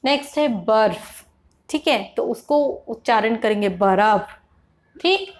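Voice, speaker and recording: A woman teaching an online grammar lesson, explaining patiently, repeating words slowly to stress their spelling, often checking in with "theek hai". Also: on the high side. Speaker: Hindi teacher. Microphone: computer or phone mic, online class.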